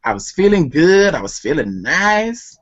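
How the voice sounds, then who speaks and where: A man with a higher voice and big pitch swings reads his love poems slowly, the recording muffled. As a poet guest, he delivers them with tender, emotional intensity before explaining in interview answers where they came from.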